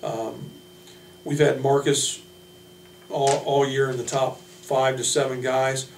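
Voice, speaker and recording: Without a script, a men's college basketball head coach runs through his roster in a mid-range voice. He talks flatly and evenly, halting and plain-spoken, while the audio is distant and roomy with an audible hum.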